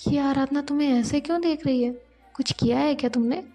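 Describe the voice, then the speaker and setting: Blunt, gossipy young woman coworker, quick remarks, voiced by a woman with a high, gravelly edge. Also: mellow, faint music behind.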